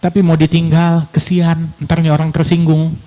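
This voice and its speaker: Mellow-voiced man preaching with lively storytelling. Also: a little high, normal speed. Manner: lively storytelling, acting out quoted voices, Arabic phrases mixed in. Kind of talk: sermon.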